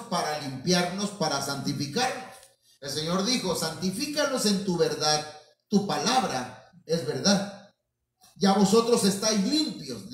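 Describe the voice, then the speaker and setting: A man with a fairly high voice preaches a sermon, calling out to his brothers and often repeating a word before he finds the next. He sounds set back from the microphone in a very echoey church hall. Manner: addresses listeners as brothers, repeats and restarts words. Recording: very echoey room, mic at a distance.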